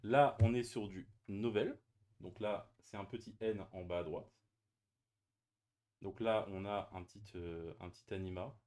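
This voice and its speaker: With a voice on the low side, a little slow and a little mellow, a man casually narrates as he cracks open trading card boosters for his YouTube channel. His unboxing commentary wavers, with plenty of fillers and restarts.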